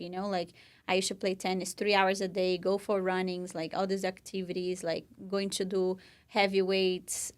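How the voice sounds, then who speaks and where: A young Brazilian woman co-hosts a podcast, sharing her own story in a Brazilian Portuguese accent. Her mid-range voice sounds earnest and casual, sprinkled with plenty of "you know" and "like."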